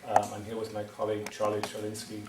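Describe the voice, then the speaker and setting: Heavy background noise fills this distant recording from an echoey hall. A middle-aged wind energy developer with a County Wexford accent addresses a town meeting in a lowish, completely flat, fast voice, his presentation hesitant and full of ums and restarts.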